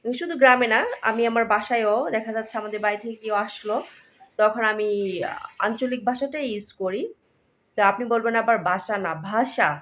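A woman vlogger speaks with a Narsingdi Bengali accent in a slightly high voice. She chats casually and apologetically to her viewers, mixing English words into her talk. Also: steady tone, brisk, fairly bright tone. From Narsingdi, Bangladesh. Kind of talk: casual vlog chat to viewers.

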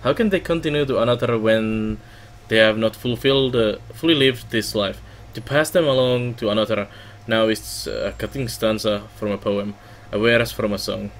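A middle-aged man doing a let's play, reading game text aloud haltingly with casual commentary. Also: on the low side. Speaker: gaming let's player.

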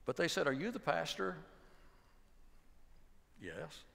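In a big church sanctuary with a choir at his back, an older pastor delivers a storytelling sermon in a fairly high voice with vocal fry, taking it slowly. He brings the quotes to life by acting out the characters' voices and sometimes sinks to a hushed tone, all under long hall reverb.

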